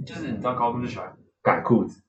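Young man telling a story, talking fast. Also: mid-range voice, reverberant, lo-fi sound, crowd noise. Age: young adult. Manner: rambling personal storytelling with many restarts. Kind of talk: casual podcast chat.

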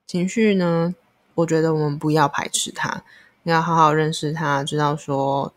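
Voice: medium pitch, flat delivery, moderate pace. A vlogger with a Taiwanese Mandarin accent speaking earnestly and candidly in a casual monologue about offering emotional support, drawing on personal experience.

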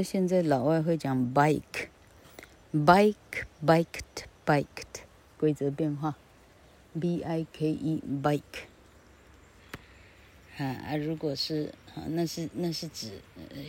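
A woman's voice: sits low, warm tone, slightly rough. A woman teaching grammar in a casual, rambling way, spelling words out letter by letter. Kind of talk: casual spoken lesson.

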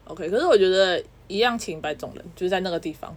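A woman's voice: on the low side, expressive. A young woman, co-hosting a casual podcast chat and telling stories with a chatty, laughing manner. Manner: quick, chatty storytelling with frequent laughs. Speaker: podcast co-host.

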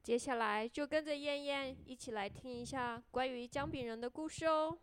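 A woman narrating a children's story in a gentle, sing-song way. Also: high voice, moderate pace, slight background noise.

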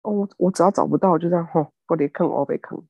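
A woman's voice: on the low side, quick pace, gravelly, husky, no echo, highs cut off. A woman co-hosting a casual chat podcast, often agreeing with short replies. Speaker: podcast co-host.

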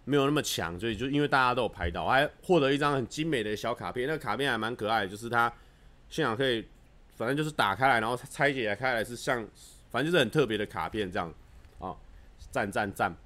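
A man chats casually with his livestream viewers. His pitch sits in a middle range. He tells stories in a lively, joking way and acts out the scenes as he goes. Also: fast talker. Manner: animated storytelling, acting out scenes; playful, self-mocking humor. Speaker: livestream host. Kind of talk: casual chat with live viewers.

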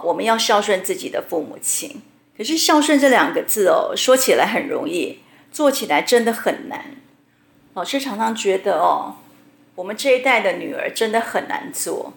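A middle-aged woman with a Taiwanese Mandarin accent telling stories in a relaxed, chatty way, full of little particles. Her voice is mid-pitched with a gravelly texture. The recording sounds roomy and echoey. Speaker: hypnotherapist host. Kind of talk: casual storytelling talk. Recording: roomy echo.

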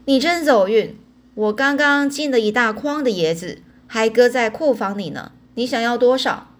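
A woman's voice: on the high side, normal speed, close to an everyday voice. Old man behind a counter, genial and wry, storybook role, read by a woman. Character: polite old male shopkeeper.

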